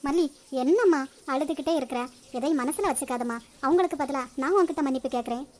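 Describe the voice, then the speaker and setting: A woman voicing a kind, caring middle-aged mother in a cartoon, talking in a gentle motherly way. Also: high voice, quick pace, lightly acted.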